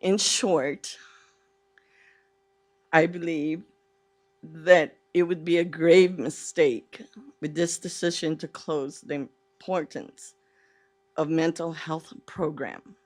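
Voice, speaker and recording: A nervous woman giving public comment, speaking earnestly and haltingly with a mouth half numb from the dentist. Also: low-pitched, steady tone, a little mellow. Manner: halting, earnest, with pauses mid-phrase. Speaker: public speaker at a school board meeting.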